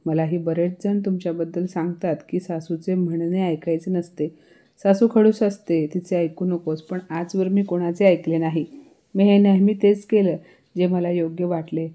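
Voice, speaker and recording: An outspoken young daughter-in-law from a read-aloud family tale, sarcastic and pointed, voiced by a woman narrator. She speaks low with little rise and fall. Her tone is deep and mellow. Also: fairly even intonation, moderate pace, close to an everyday voice. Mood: defiant.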